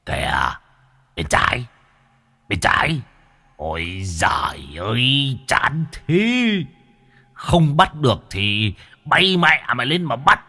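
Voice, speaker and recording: A man's voice: mid-range voice, big pitch swings, slow, pauses often, bright, forceful tone, breathy edge, exaggerated voice. A man doing a cackling old ghost football fan. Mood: grumbling. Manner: hollering like a sports fan, grumbling.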